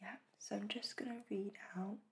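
A woman in a whispered role-play as a spa facial therapist, speaking in a soft, breathy whisper with a gentle, reassuring manner. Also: mid-range voice, fairly even intonation, moderate pace, slight background noise.

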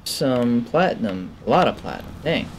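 A man in his thirties with a sing-song, mid-range voice offers casual let's play commentary at a moderate pace. Speaking into a headset as a gaming video host, he reflects aloud and reads game text, with slight noise in the background.

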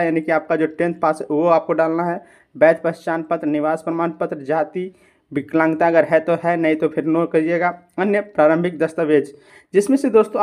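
Man, high-pitched, tutorial voice-over, asks himself questions, addresses viewers as friends. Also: darkish tone. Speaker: YouTube channel host. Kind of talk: screen-recorded tutorial voice-over.

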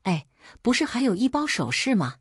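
A woman's voice: a little high, sing-song, moderate pace, slightly rough, dry recording, studio quality, voice pushed up, exaggerated voice. A woman voicing a greedy, cowardly young male scoundrel who talks in a scheming, fearful way. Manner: pleading, frightened.

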